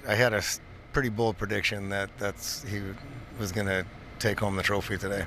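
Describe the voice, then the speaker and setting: A man's voice: on the low side, steady tone, normal speed, pushed and bright, slight background noise. A man representing the bowling center, chatting casually on air with dry, self-deprecating humor.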